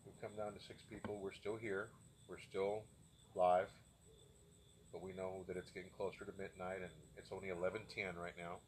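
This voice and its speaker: A man's voice: sits low, little pitch movement, normal speed, a little mellow. A man hosting a live ghost investigation outdoors, commenting casually to viewers and companions. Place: outdoors on benches at night. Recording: noisy night outdoors, insects chirping.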